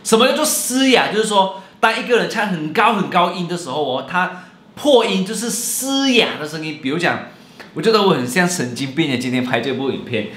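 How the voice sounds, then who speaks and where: A man, teaching a playful video lesson in an animated, jokey way and mixing in English and Malay words. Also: high voice, a little fast. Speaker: language teacher. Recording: roomy echo.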